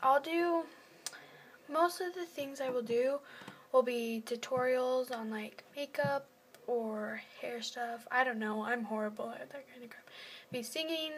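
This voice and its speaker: A woman's voice: fairly high pitch, slight background noise. A teenage girl rambling casually to her phone camera in her first vlog, self-deprecating and often dropping to a half-whisper. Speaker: first-time vlogger.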